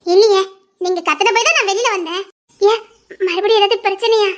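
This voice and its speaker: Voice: very high-pitched, fairly even intonation, a little fast, a bit bright. A performer voicing an anxious young wife and former medical student with a Tirunelveli Tamil accent in a dubbed family drama, speaking with worry and earnestness. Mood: worried. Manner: worried, earnest, talking plainly about past hurt.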